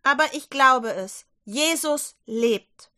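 An eager young woman bursting with news, her voice lifted and excited, played by a woman reading a story aloud. She speaks slowly and brightly. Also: high voice, exaggerated voice. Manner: excited, breathless.

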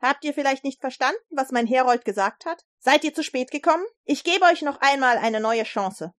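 A woman voicing a proud, furious ancient king who shouts his commands. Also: sits high, expressive, normal speed, no echo, studio quality, voice pushed up. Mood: outraged.

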